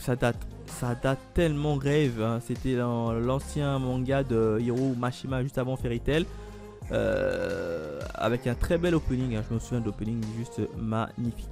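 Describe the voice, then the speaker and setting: A man's voice: mid-range voice, darkish tone. A man casually going through upcoming manga releases, thinking aloud with lots of fillers as he reads titles off a list. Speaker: manga YouTuber.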